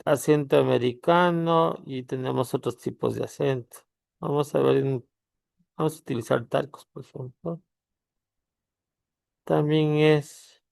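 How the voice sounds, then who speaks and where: Hombre de voz rasposa y grave. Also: male voice, mid-range voice, fairly even intonation, a little mellow, dry recording, studio quality. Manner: halting explanation, pausing with tag questions. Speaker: tutorial host. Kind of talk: screen-recorded software tutorial.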